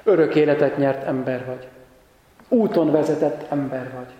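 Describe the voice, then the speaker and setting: Preacher in a very echoey church. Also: male voice, on the high side, dull audio. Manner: rises to impassioned emphatic exhortation, then settles calm. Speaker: pastor. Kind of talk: sermon.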